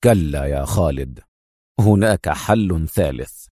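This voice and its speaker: A man doing a deep, stern male officer. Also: animated, warm tone, husky, no echo, clean studio sound, exaggerated voice. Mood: firm, calm. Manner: low, firm and measured. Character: calm, stern male lieutenant colonel, a hero.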